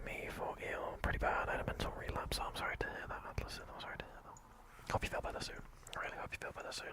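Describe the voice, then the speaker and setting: On an ASMR livestream, a man whispers playfully into a fluffy microphone, repeating greetings to viewers and joking around at a racing pace.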